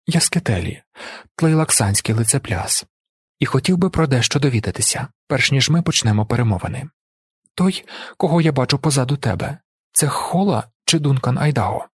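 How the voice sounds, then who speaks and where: A man's voice: medium pitch, lively intonation, fairly quick, breathy edge, dry recording, clean studio sound. A man voicing a cunning, menacing male shapeshifter who bargains and threatens in a gloating, silky way in an audiobook. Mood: gloating menace. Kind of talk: audiobook character voice.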